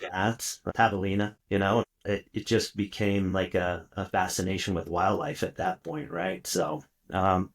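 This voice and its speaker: A middle-aged man from South Texas speaks as a podcast guest. His voice sits very low. He tells his stories in a loose, rambling way, full of fillers and restarts. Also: measured pace, creaky, few pauses, breathy edge. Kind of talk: casual storytelling interview.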